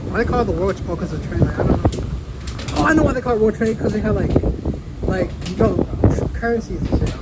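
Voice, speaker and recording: A man's voice: sits high, animated, fast talker. A young man chatting casually and slangily with friends. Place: outdoors on a ferry. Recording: very loud boat and outdoor noise.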